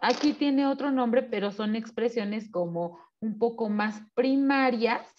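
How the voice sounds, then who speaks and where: Slow-speaking woman lecturing. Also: on the high side, highs cut off, a little hiss or hum. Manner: slow, explanatory, asks the audience questions and acts out baby and mother voices. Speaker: seminar speaker. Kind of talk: online lecture to an audience.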